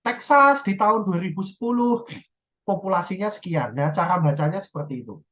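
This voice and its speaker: A woman's voice: lowish voice, lively intonation, fairly quick, fairly bright tone, dull audio. A woman lecturer giving a recorded university lesson, explaining step by step, often checking in with the class and correcting herself.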